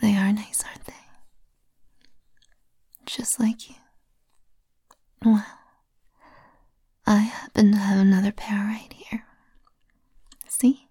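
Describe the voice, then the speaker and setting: A woman speaking in a soft, breathy whisper close to the microphone, in a slow, intimate roleplay. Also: medium pitch, flat delivery, no echo.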